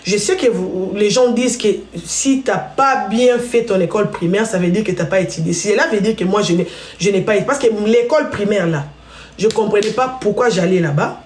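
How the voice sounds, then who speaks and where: A Congolese live-streamer from the DRC chats briskly with her audience, telling stories and speaking to them directly in casual conversation. Her mid-range voice is a little mellow, and the sound is roomy.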